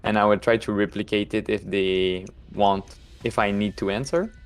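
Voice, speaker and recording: Low-voiced man playing a tabletop game. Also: steady tone, normal speed, clean tone. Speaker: player in a tabletop roleplaying game. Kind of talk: casual tabletop roleplay chat.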